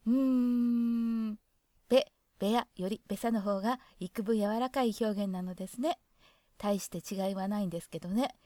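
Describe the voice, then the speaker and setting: A woman's voice: mid-range voice, moderate pace, dark tone, dry recording. A woman with a Hokkaido accent reading a guide on dialect aloud and adding chatty asides of her own. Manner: chatty, adds asides to the text. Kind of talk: casual reading with commentary.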